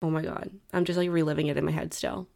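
Young female podcast host, chatty and rambling, with fry in her voice. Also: deep voice, level tone, fast, a little mellow. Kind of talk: casual chat.

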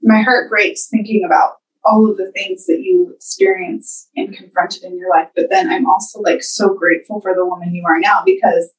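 A woman's voice: mid-range voice, moderate pace, few pauses, distant mic, rough recording. A woman podcast host responding to her guest in an encouraging, affirming way. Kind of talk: supportive interview chat.

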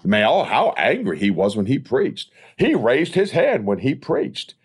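Preaching slightly slowly, the man's mid-range, slightly rough voice swoops wildly in pitch. He is an evangelist and podcast host giving an expository sermon, emphatic and full of repeated rhetorical phrases.

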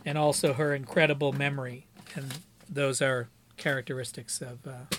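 A man's voice: mid-range voice, flat delivery, moderate pace, noisy background. A man from the Greater Boston area co-hosting a podcast, joking and wry with a habit of swearing for laughs. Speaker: podcast co-host. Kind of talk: casual chat.

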